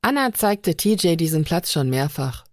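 A stern, muscular young crewman who scolds with a forceful voice, as a woman reads him in a storybook. The sound is dry and close. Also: sits low, very animated, moderate pace, no room sound. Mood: scolding.

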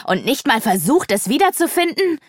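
Grim male sage, quick to anger, sharp and needling, raised voice, storybook, read by a woman. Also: medium pitch, no echo, studio quality, natural voice. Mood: irate.

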